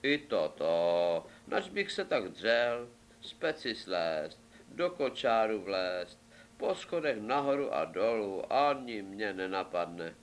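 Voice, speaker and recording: A man voicing a lazy, cheeky peasant lad in a storybook tale, drawling and unhurried. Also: fairly low pitch, big pitch swings.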